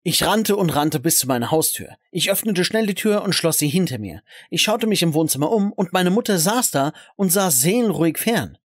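A man's voice: sits high, expressive, normal speed, few pauses, dry recording, studio quality. A man narrating a first-person story in a scripted, dramatic way.

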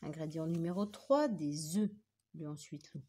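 A woman teacher reading a children's story aloud with animated, expressive storytelling. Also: deep voice, normal speed, slight background noise.

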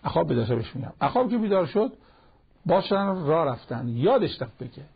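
Raspy, gravelly male Quran teacher. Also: a little high, sing-song. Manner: retells a story in plain colloquial speech, acting out the dialogue. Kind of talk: storytelling religious lesson. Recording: lo-fi television broadcast audio.

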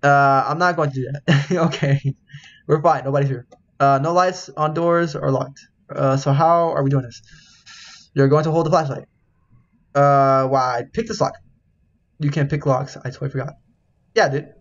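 A man's voice: medium pitch, steady tone, moderate pace, dull audio. A man casually reading a game's dialogue aloud while he plays, swearing, laughing and yelping when something startles him. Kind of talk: casual let's-play commentary.

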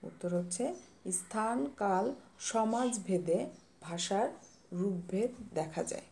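A woman teacher explains a grammar lesson step by step, patient and unhurried, pausing to pose quiz questions. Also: medium pitch, creaky, dark tone. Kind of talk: classroom lesson reading notes.

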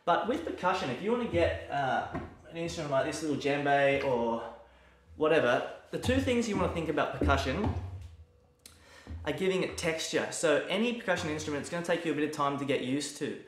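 Casual male music teacher, easygoing and talkative, a little high-pitched, recorded in a roomy space. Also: a little fast. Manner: relaxed, chatty, demonstrates by singing and vocalising. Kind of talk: casual video lesson. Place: room at home during lockdown. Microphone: mic near the camera.

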